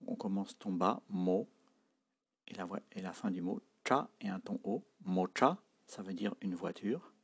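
A man with a low, slightly rough voice and a measured pace is teaching a spoken language lesson. He says words and tones one at a time, repeats them, and patiently explains how each should be pronounced.

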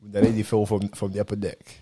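A man's voice: lowish voice, monotone, brisk, a crowd in the background. A young man with a London roadman accent, chatting casually with friends in street slang. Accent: London roadman, multicultural London street. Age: young adult.

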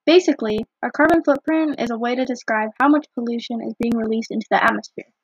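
A woman's voice: fast, breathy edge, no echo. Chatty woman over a muffled phone line. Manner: chatty, fills with "like". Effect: low-quality phone recording. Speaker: podcast co-host. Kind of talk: casual scripted podcast chat.

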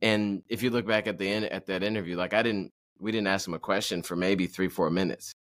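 A man's voice: sits low, steady tone, brisk, fairly bright tone, dry recording, studio quality. A man hosting a running podcast in casual chat, rambling with lots of fillers and restarts. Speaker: podcast host.

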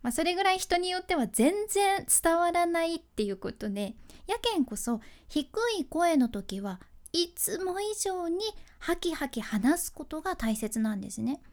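A woman's voice: very high voice, lively intonation, moderate pace, few pauses. A woman hosting a casual solo talk on speaking tips, speaking with a Kyushu dialect, chatty, laughing often and mixing polite speech with dialect. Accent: Kyushu dialect (Hakata-ben). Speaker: freelance announcer, podcast host.

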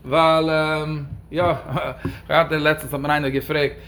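A man's voice: on the high side, flat delivery, measured pace, fairly bright tone, slight background noise. A man giving a religious question-and-answer talk, speaking emphatically with sudden raised stresses.

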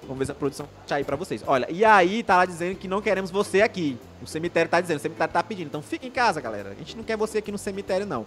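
A young man from Maranhão, Brazil, hosts a live online show, speaking Brazilian Portuguese with a Maranhão accent in a high, slightly bright, animated voice. He talks rapid-fire with few pauses, chatting casually and upbeat as he reads viewer comments, rambling and frequently restarting his sentences.

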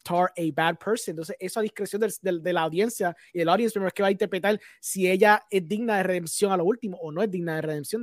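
Man, Spanglish, rapid casual film commentary, dry sound. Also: sits high, no room sound. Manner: Spanglish, mixing English words into Spanish. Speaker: host of a film discussion.

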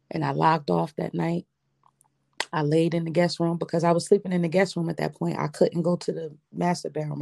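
A middle-aged woman earnestly recounting a personal faith testimony, slow and heartfelt, quoting her own prayers. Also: on the low side, vocal fry, warm tone, no room sound, studio quality. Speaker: widow giving a testimony.

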